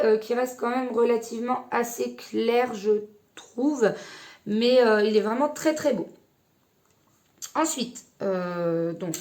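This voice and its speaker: Female beauty vlogger, slightly higher voice, hesitant and chatty, casual product review. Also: darkish tone. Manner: hesitant, many fillers and restarts, chatty. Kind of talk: casual makeup palette review.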